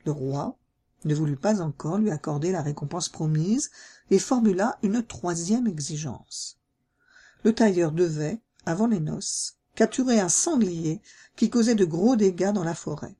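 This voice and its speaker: A woman narrating a fairy tale in a calm, even storybook reading, lightly voicing the characters' lines. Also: on the low side, measured pace, husky.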